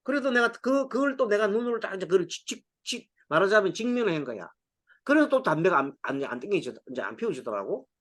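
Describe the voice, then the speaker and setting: A man's voice: sits high, fast. A middle-aged man, a Buddhist monk, giving a Sunday dharma talk, telling stories with acted-out dialogue and frequent laughs. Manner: lively storytelling, acts out dialogue, laughs often.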